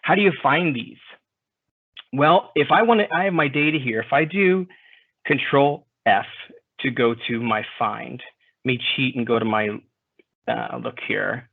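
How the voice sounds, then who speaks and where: A man presents a spreadsheet tutorial in a mid-range voice, chatty and unhurried, with frequent ums and restarts. The sound is narrow and tinny, like a phone line on a web call. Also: medium pitch, gravelly, slightly rough. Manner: relaxed, conversational, with frequent fillers and self-corrections. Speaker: presenter of a software training webinar. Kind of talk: screen-share software tutorial.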